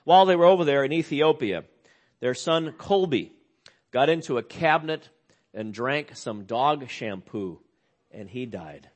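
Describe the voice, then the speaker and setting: An older man preaching a sermon in an earnest storytelling way. His voice sits at an ordinary middle pitch, sinking low and soft when he tells of loss and lifting when he stresses a point. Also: animated, a little slow. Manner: earnest storytelling, drops low and quiet on sad news, rises on emphasis. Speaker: pastor.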